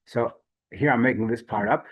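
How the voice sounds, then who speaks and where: A man teaching a Torah class, telling stories in a chatty way with frequent restarts and lively swings in pitch. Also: normal speed, breathy edge, highs cut off. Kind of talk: storytelling Torah lesson.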